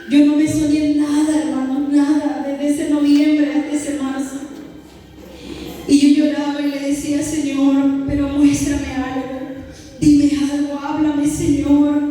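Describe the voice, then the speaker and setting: A woman's voice: high voice, dark tone. Fervent woman testifying in an echoey church. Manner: fervent, addresses the congregation often, slips into a sung cadence. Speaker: church member giving testimony. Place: church hall. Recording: far-off mic in an echoey hall with music.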